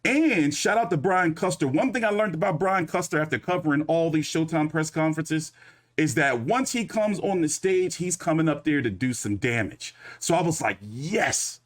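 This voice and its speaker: A man's voice: a little high, expressive, normal speed. Casual, rambling man recapping a fight. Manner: loose, rambling, casual cursing. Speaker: boxing commentary host.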